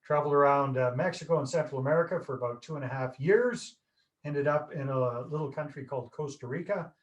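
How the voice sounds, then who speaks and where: Over a video call with dull-sounding audio, a medium-pitched Canadian guest in his fifties spins stories for a casual interview. His style is joking and self-mocking.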